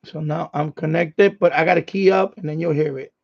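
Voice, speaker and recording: A man hosting a casual amateur radio live stream, shifting between muttering to himself and louder call-outs. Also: a little high, fairly even intonation, a little fast, creaky. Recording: dull, lo-fi sound.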